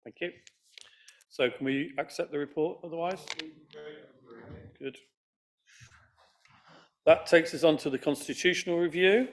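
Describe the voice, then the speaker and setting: A man serving as mayor, chairing a council meeting in a brisk, procedural way with a mildly wry touch. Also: on the high side, slight background noise.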